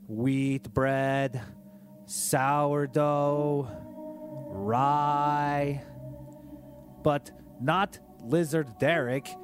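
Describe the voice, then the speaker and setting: A man doing a slow, smug dictator king. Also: a little high, pitched above the performer's own voice. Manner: broken English, slow and deadpan. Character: cruel pompous self-aggrandizing male dictator king. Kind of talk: comedic diary-reading monologue.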